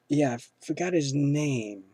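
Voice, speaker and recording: A man's voice: fairly high pitch, warm tone, no echo. A man hosting a casual film review, rambling with lots of fillers and restarts.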